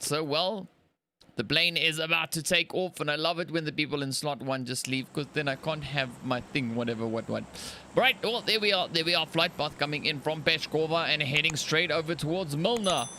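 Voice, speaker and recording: With slight background noise, a fairly high, sharp-toned male caster from Africa provides solo live stream commentary for a mobile battle royale tournament. He talks in a rambling, chatty way, with many fillers and laughs at his slip-ups.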